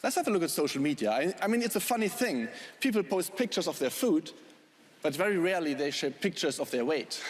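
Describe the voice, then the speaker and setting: A man's voice: a little high, very animated, brisk, slight background noise. A man performing as a stage magician, giving patter to a theatre audience. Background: music and audience.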